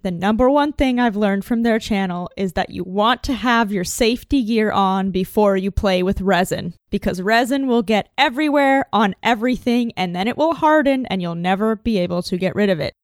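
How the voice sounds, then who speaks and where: A woman's voice: mid-range voice, normal speed, few pauses, no echo, studio quality, close to an everyday voice. A woman voicing an earnest female adventurer who lectures matter-of-factly about safety gear. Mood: advising.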